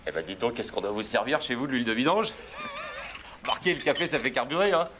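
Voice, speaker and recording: A man playing a boastful, joking top salesman in a sitcom office scene, quick to turn crude and shout. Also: medium pitch, lively intonation, noisy background, close to an everyday voice. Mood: jokey. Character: brash joking male salesman, loud and crude. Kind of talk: sitcom acting. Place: office by a coffee machine.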